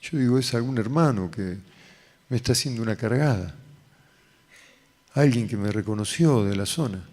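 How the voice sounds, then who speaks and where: A man's voice: medium pitch, moderate pace, long pauses, darkish tone. A male pastor with an Argentine accent telling a personal testimony in a sermon, acting out the voices in his story. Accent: Argentine Spanish. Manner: storytelling, acting out dialogue with raised voice. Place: church hall. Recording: long hall reverb.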